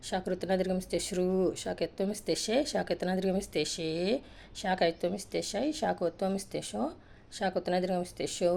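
Fast-reciting woman teacher, low gravelly voice. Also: darkish tone. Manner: rapid sing-song drill recitation with brief asides. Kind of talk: reciting a Telugu alphabet lesson.

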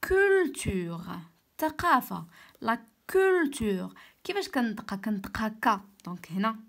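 A woman with a Moroccan Arabic accent giving an online French lesson. She repeats each word slowly and patiently explains how it sounds. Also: a little high, big pitch swings, fairly bright tone. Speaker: French teacher.

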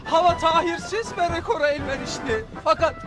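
A man's voice: very high voice, brisk, over music. An actor playing a cheeky young male conscript in a TV sitcom, who slips into mock sports-commentator patter. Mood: mock commentary. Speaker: soldier. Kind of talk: TV sitcom acting.

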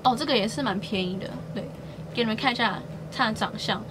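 Upbeat higher-voiced woman vlogger. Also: quick pace, background noise. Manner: chatty and upbeat, often stresses words by doubling them. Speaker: beauty and shopping vlogger. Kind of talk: casual haul vlog chat.

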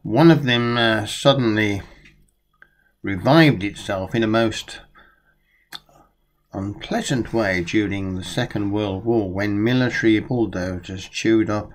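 A man's voice: fairly low pitch, takes it slowly. An older man at home talking about a book and reading from it aloud with storyteller relish, recorded on a close-up webcam. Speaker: vlogger reviewing a book. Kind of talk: casual talk and reading aloud. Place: small room at home, indoors.

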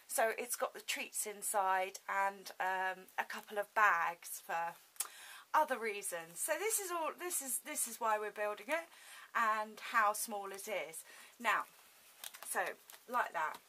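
Bright-voiced woman with toothless, lips-over-teeth speech. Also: on the high side, low-quality recording. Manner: informal, thinking aloud as she works. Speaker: sewing tutorial host. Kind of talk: casual hands-on craft demonstration. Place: indoors at a home sewing table. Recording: hissy home recording.

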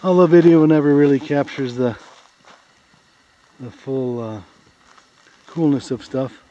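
A man's voice: medium pitch, a little slow, warm tone. A man with an American accent casually narrating a forest trail hike outdoors, pointing out the sights as he walks. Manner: easygoing, plain, pointing out sights. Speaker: hiker filming a trail video. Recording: dull lo-fi camera audio.

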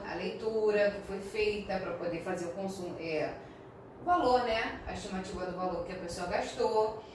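A woman primary school teacher with a Brazilian accent, slowly and patiently explaining a recorded class lesson and often checking in with her pupils. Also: medium pitch, slight background noise. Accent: Brazilian Portuguese. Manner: slow, patient, frequent check-ins with the class. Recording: echoey room, mic at a distance.

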